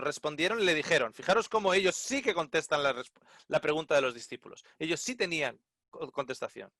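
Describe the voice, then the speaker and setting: A man with a Spain Spanish accent teaching a group Bible seminar, lively, repeating his words and calling on participants by name. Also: a little high, dry recording, clean studio sound.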